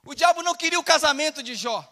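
A man's voice: very high voice, animated, fast talker, pushed and bright, in a large hall. A man with a Brazilian Portuguese accent preaching a fervent, emphatic sermon as a pastor.

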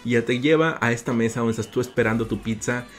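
A man's voice: medium pitch, fast, faint music behind. A man with a Mexican accent hosting a gaming vlog, narrating playfully with big jumps in his voice and calling his viewers "little ones.". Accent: Mexican Spanish. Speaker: gaming YouTuber host.

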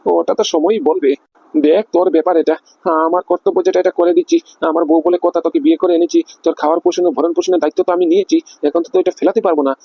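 A man's voice: sits high, rapid-fire, gravelly, no room sound, muffled recording. A man voicing a fussing, middle-aged cartoon husband who coaxes and rambles, full of fillers. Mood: coaxing. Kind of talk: cartoon comedy voice acting.

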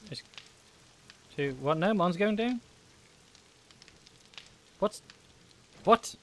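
A man's voice: high voice, expressive, drawn-out words, fairly bright tone, a little hiss or hum. A man hosting a casual let's-play, chatting and laughing often as he plays. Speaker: gaming channel host.

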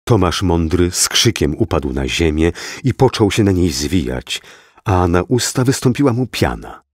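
A man narrating an audiobook in the first person, reading in a slow, solemn and expressive way. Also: deep voice, slightly rough, no room sound, clean studio sound.

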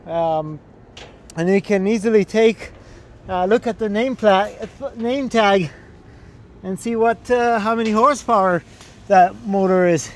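A man's voice: high voice, a little slow. A young man giving an instructional walkthrough outdoors on a building rooftop, talking hesitantly with many filler sounds and restarts. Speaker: energy auditor instructor. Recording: faint outdoor noise.

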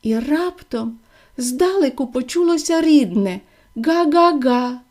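A woman gently and expressively reading a children's fairy tale aloud. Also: high-pitched, expressive, measured pace. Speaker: storyteller.

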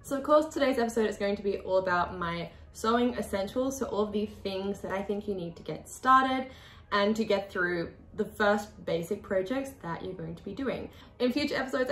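Speaking in a mid-range voice, a young Australian woman in her 20s casually teaches sewing to camera from her desk. The small room with its sewing machine sounds echoey, and she's chatty, talking with lively hand gestures.

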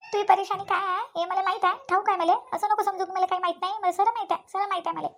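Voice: extremely high pitch, level tone. A voice actor doing a preachy Vidarbha village aunt. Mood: insistent. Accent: Vidarbha Marathi. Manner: preachy, repeats points, fast. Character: older village aunt giving firm advice. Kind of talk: cartoon voice acting.

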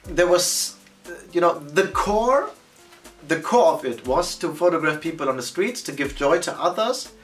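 A man in his thirties talking casually to the camera as a photography vlogger, animated and gesturing with both hands. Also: a little high, normal speed, distant mic, faint music behind. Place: indoor studio against a plain backdrop.

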